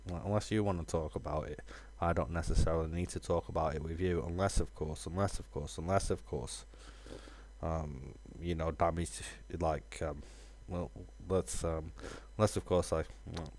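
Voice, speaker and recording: A man streaming a game, talking casually in a rambling, halting way with lots of fillers. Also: a bass voice, a little mellow. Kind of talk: casual live-stream chat.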